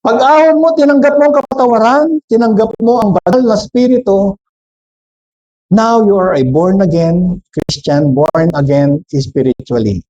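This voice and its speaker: A man's voice: high-pitched, measured pace, warm tone, lo-fi sound. A man with a Filipino accent preaching a sermon, switching between Tagalog and English, questioning and joking with the congregation. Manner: jokes with the congregation.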